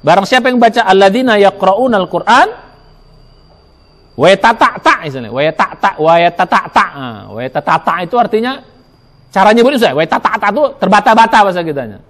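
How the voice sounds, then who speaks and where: A male preacher gives a Ramadan sermon in a mosque, his voice pitched high and leaping up and down as he stresses each point. He spells out Arabic letters one by one and asks his listeners questions that he then answers himself. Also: very animated, fast talker, fairly bright tone. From Indonesia.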